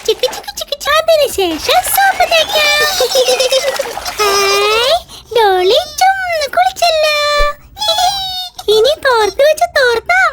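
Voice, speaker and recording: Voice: very high voice, very animated, takes it slowly, pauses often, very noisy, full character voice. A voice actor playing Chitti, a cheerful little cartoon boy who bosses and fusses over his doll.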